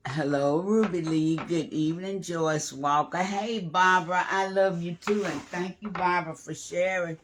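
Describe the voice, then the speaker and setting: A man's voice: high voice, fairly even intonation, measured pace, few pauses, a bit bright, slight background noise. A man hosting a casual live cooking stream from his home kitchen, chatting and greeting viewers by name as he cooks. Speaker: home cooking livestream host.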